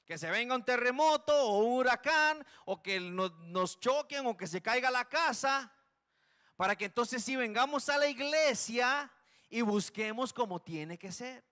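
A male preacher from Costa Rica delivers a passionate sermon in a church. His voice sits high and rings bright. He swings from urgent, forceful declarations to hushed, low warnings. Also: expressive, a little slow. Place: church sanctuary.

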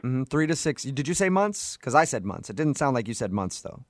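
A man's voice: medium pitch, brisk, no room sound, clean studio sound. A male radio host making a prank phone call, playing it straight, pretending not to understand and stifling laughs. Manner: deadpan, feigning confusion, stifled laughter.

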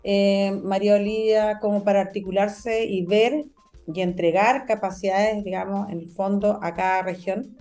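A woman's voice: mid-range voice, steady tone, normal speed, dark tone, soft background music. A Chilean woman from the north of the country, interviewing a guest in a chatty, friendly way. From Antofagasta, northern Chile. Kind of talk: conversational interview.

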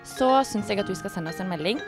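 A woman's voice: mid-range voice, lively intonation, music in the background. A woman co-hosting a storytelling podcast in an easygoing, casual way. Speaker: podcast co-host.

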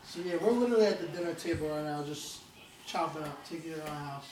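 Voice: mid-range voice, brisk, darkish tone, a little hiss or hum. An Italian American host chatting casually at a dinner table, switching between English and Italian dialect. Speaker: host of a show. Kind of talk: casual bilingual group chat. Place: lively home dinner table. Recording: echoey room, far mic, busy chatter.

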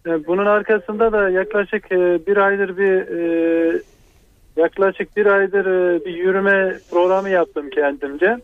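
A man with a high voice comes through a thin, tinny telephone line as he calls in to a radio program. He speaks hesitantly, stopping and restarting with fillers as he works through his question. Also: steady tone. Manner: hesitant, halting, many fillers. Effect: heard over a telephone line. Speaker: radio call-in caller. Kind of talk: call-in question.

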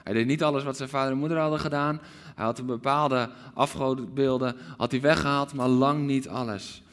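A man preaching a livestreamed sermon, emphatic, swinging from loud exclamations to hushed asides. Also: mid-range voice, fairly even intonation, a little fast, big-room sound.

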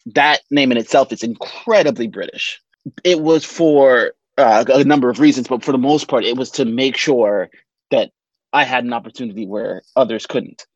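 A man who does voice work, speaking calmly and thoughtfully in a podcast discussion. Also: mid-range voice, normal speed, dry recording. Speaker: voice actor. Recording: dull dry sound.

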